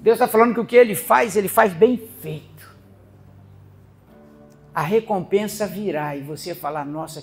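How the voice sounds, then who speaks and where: A woman with a Brazilian accent preaching a sermon in a church service, animated, laughing as she speaks and acting out the voices she quotes. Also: medium pitch, husky.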